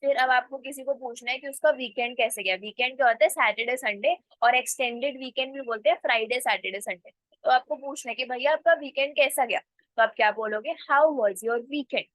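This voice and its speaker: A woman with an Indian accent gives an everyday English lesson, explaining in Hindi. She says each English sentence slowly and clearly. Her voice sits fairly high and the recording is close and dry. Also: fairly bright tone, no room sound. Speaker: English teacher.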